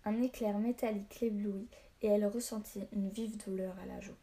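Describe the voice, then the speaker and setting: A female narrator reads aloud from an adventure novel in a warm, mellow, middle-pitched voice at a moderate pace. Her storytelling is steady, though she makes small slips and goes back to fix them.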